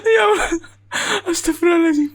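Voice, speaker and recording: A young adult reaction vlogger, laughing to tears and exclaiming loudly over and over in casual commentary. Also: very high voice, a little fast. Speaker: reaction video creator.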